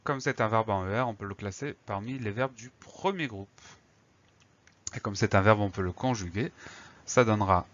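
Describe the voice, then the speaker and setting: Guy doing a spelling lesson, lowish voice, spells every word out slow, kinda muffled recording. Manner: slow, spells out words letter by letter. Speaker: teacher.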